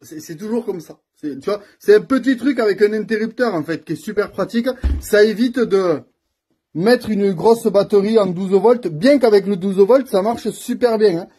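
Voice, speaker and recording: A fairly high-pitched man with a husky edge to his voice, recording himself on a phone in his home workshop. He talks casually and directly to the viewer, filling pauses and thinking out loud as he tinkers. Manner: chatty, talks straight to the viewer, thinks aloud with fillers. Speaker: scooter mechanic vlogger. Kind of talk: casual how-to vlog. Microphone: phone filming himself.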